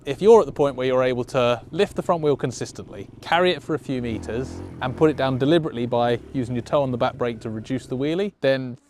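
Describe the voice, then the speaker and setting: A man's voice: mid-range voice, fast talker, hardly any pauses, darkish tone, slight background noise. A man presenting a motorcycle tutorial, explaining in an enthusiastic, encouraging and conversational way. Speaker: motorcycle riding instructor and show presenter.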